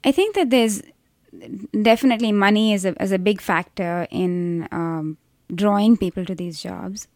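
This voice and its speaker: A woman with an Indian accent speaks in a smooth, clear voice at a middling pitch. She explains things thoughtfully as an interview guest, often restarting sentences. The sound is close and dry. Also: normal speed, a little mellow, dry recording. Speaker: interview guest, researcher of call centers. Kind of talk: conversational interview.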